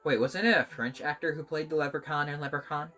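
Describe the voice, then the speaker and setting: A man's voice: a little high, fairly even intonation, fast, bright, forceful tone, soft background music. A man joining a friend's game session, chatting casually and making joking, wry asides. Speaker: friend co-commentating. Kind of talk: casual let's-play chat.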